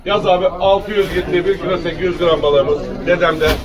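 A man's voice: high voice, fairly even intonation, fairly quick. A man working as an auctioneer, calling out lots, weights and bids in repetitive patter. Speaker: fish auctioneer. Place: busy fish auction hall. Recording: distant mic amid crowd chatter. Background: crowd of buyers.

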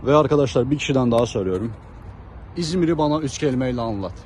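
A fast-talking, animated man with a medium-pitched voice hosts casual vox-pop street interviews, speaking to viewers and repeating people's answers back. He's outdoors on a city street, and traffic noise comes through clearly.

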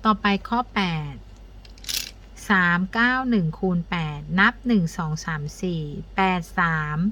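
A woman's voice: mid-range voice, unhurried, pushed and bright, a little hiss or hum. A woman teaching an abacus multiplication lesson, counting the digits aloud step by step and asking her pupils for each answer.

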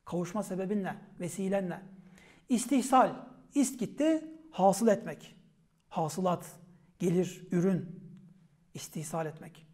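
A man with a high-pitched voice leads a vocabulary lesson on old word roots. He calls out each term sharply, then drops into a quieter, falling voice to explain it. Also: expressive, unhurried, long pauses. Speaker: teacher.

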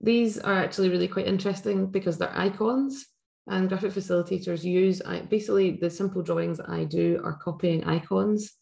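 Over a webcam video call, a middle-aged Scottish woman gives a live teaching webinar, explaining activities warmly with lots of fillers. Her voice is fairly low, creaky, and darkish, with fairly even intonation and a brisk pace.

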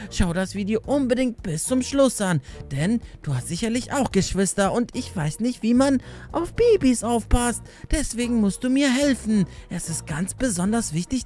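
A young man doing excited let's-play commentary as a gaming YouTuber, talking straight to his viewers with lots of exclamations. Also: sits high. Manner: animated, exclamatory, addresses viewers directly.

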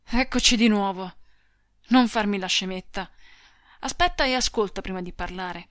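Woman reading a bossy young soldier guy, snappy n hurried, storybook. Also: mid-range voice, fairly bright tone, no room sound, studio quality, close to an everyday voice. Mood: impatient. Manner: curt, commanding, hurried. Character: brusque young male soldier-husband, secretive.

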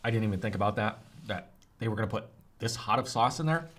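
A man's voice: fairly low pitch, fast. A man casually reviewing spicy chicken bites for his vlog, gasping and groaning as his mouth burns from the hot sauce. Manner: animated, groaning and gasping from the heat. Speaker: food reviewer.

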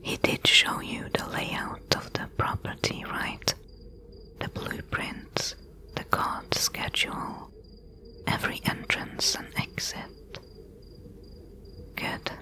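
Woman acting a slow-whispering rogue thief, whispered role-play. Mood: hushed, businesslike. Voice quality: breathy, unvoiced whisper. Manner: hushed, unhurried, instructing. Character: female rogue thief, wry, bossy mentor to a newbie.

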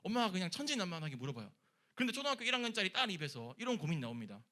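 Guy youth pastor preaching to teens in church, bright voice, bouncy and animated. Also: high voice, very fast. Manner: lively, addresses listeners with questions. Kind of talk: sermon to teenagers. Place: church worship hall.

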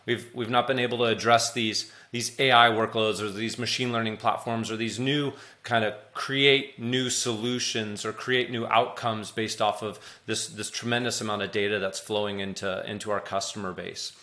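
A middle-aged man talks over a webcam on a video-call panel in a fairly low voice. He sounds eager and enthusiastic, often repeating words as he builds his sentences. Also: steady tone, normal speed, hardly any pauses, sharp tone. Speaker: panelist from a tech company.

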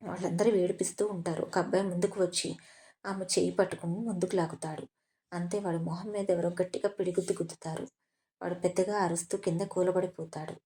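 A woman storyteller giving a steady, scripted narration of an audio drama story. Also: on the low side.

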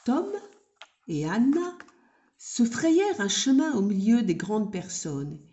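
A woman reads a children's story aloud, taking her time over each sentence. Her voice sits a little high and stays gentle as she tells it. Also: very animated, slow pace.

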